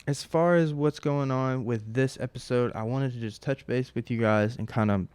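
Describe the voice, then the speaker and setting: A man in his twenties hosts a casual solo podcast from home, rambling and swearing with plenty of fillers and restarts. His medium-pitched, darkish, smooth voice comes at a normal speed through a close mic, with no room sound.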